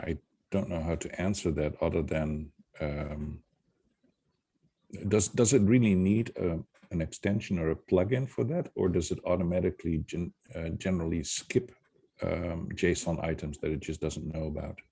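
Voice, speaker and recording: A man's voice: low-pitched, fairly even intonation, moderate pace, dark tone, breathy edge. A man presenting in a video meeting, answering questions casually and frankly as he thinks aloud.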